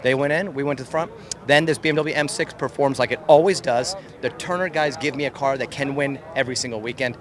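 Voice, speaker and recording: A male racing driver with a mid-pitched voice gives a post-race interview outdoors. He tells it as an animated story, quoting what was said along the way. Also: normal speed.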